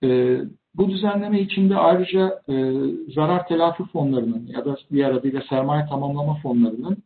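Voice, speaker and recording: A thin, phone-like line carries an older man's slightly high voice. He explains slides formally and deliberately, pausing to find his phrasing. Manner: formal, deliberate, with hesitant pauses. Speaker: tax expert presenting at a webinar. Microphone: video call. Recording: thin, phone-like webinar audio.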